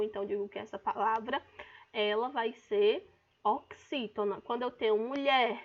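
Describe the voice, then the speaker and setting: A woman teacher with a Brazilian Portuguese accent gives an online class, explaining patiently and calling out words to stress their syllables. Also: fairly high pitch. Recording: dull lo-fi recording.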